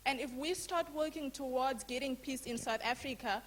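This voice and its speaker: A Zimbabwean woman who works with young people asks a question from the floor of a public lecture. Her high voice is formal and earnest, with deliberate emphasis. There's slight background noise.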